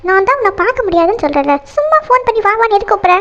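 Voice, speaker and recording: A young woman voicing a fiery cartoon bride-to-be who scolds with sharp, quick retorts. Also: very high-pitched, sing-song, exaggerated voice. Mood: scolding. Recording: dull lo-fi sound.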